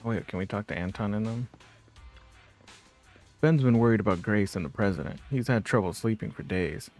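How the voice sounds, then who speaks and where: A man's voice: lowish voice, brisk, a little mellow. A man doing a casual let's play, reading game dialogue aloud and muttering offhand comments to himself. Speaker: gamer, video host. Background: faint game music.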